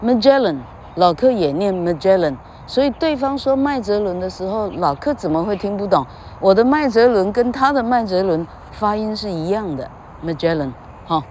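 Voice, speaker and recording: In a comedic mock English lesson, a woman lectures with lively intonation at a moderate pace, her voice a little mellow, with a slight hiss or hum. She sings out long, drawn vowels and tags her lines with "哈".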